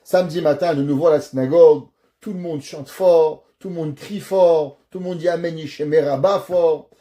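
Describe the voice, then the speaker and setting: Male rabbi, high voice, mellow dark tone, animated storytelling lesson. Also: normal speed. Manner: animated storyteller who acts out dialogue.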